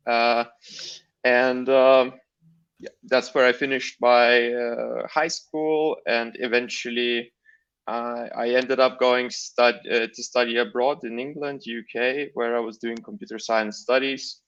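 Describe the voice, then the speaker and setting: Slow, hesitant man from Lithuania. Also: medium pitch, steady tone, a bit bright, clear, resonant tone, lo-fi sound. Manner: hesitant, many fillers. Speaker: guest. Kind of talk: live online interview.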